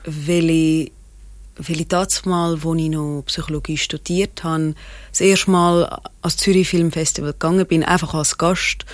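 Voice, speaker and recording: In a dry recording, a woman from Switzerland with a deep voice that barely shifts in pitch talks a little slowly. She's an actress guest with a Swiss German accent in a casual interview chat, frequently laughing and dropping English phrases into her speech.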